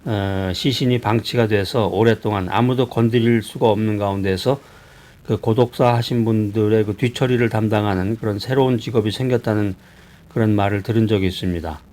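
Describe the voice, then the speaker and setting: A man from Seoul, a pastor giving a conversational sermon, asking his listeners questions and pausing on hesitations. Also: fairly low pitch, steady tone, darkish tone. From Seoul, South Korea. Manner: conversational preaching with rhetorical questions and frequent hesitations.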